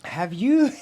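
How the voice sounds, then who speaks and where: Animated man telling stories on a podcast. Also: fairly high pitch, breathy edge. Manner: animated, dramatic storytelling with laughs. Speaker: podcast co-host. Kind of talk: casual podcast banter.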